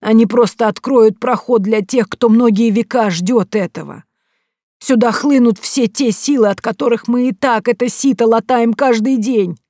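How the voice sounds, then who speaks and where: A woman reading an audiobook, voicing a stern old village grandmother who scolds in a shrill, raised voice. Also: normal speed, darkish tone, no echo, studio quality, lightly acted. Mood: grave.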